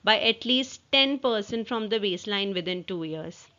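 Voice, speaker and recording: Woman presenter, mid-pitched, informal slide walkthrough, halting with restarts, muffled low-fidelity sound. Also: lively intonation, bright, forceful tone. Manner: halting, with repeated false starts. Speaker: presenter walking through own work assignment. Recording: dull, lo-fi audio.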